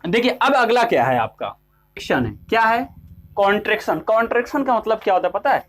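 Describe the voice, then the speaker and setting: A man's voice: high voice, sing-song, fairly quick, fairly bright tone. Man teaching English grammar, often asking "ठीक है?". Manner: repeats "ठीक है?" to check on students; asks questions and answers them himself. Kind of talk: classroom lesson explaining grammar.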